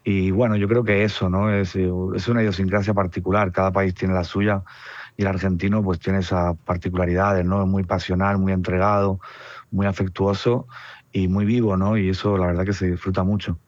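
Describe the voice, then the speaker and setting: A Spanish man from Murcia with a southern accent, a musician talking about his tour in a relaxed, reflective way over a phone line. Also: sits low, a little fast, no echo. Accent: southern Spain, Murcian. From Murcia, Spain. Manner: relaxed, reflective, with fillers like "pues" and "nada". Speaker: musician guest. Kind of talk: phone interview. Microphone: telephone line.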